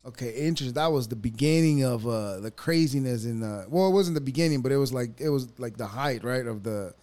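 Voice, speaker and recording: A man in his thirties from El Salvador, hosting a casual conversation, halting and restarting often and laughing easily. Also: mid-range voice, darkish tone. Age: 30s.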